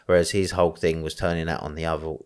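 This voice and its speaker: A man's voice: very deep voice, flat delivery, quick pace, clear, resonant tone. A man from the East End of London with an East London accent, talking in a rambling, conversational way as an interview guest, with many fillers. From East End of London, England. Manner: rambling, frequent fillers, laughs easily.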